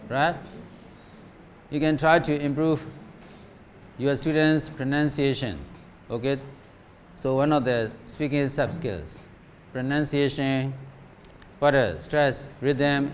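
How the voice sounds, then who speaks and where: Male teacher trainer from Myanmar, measured deliberate delivery, constant rhetorical check-ins, faint hiss behind. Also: medium pitch. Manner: rhetorical questions, repeats "right?" and "okay?". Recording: faint background noise.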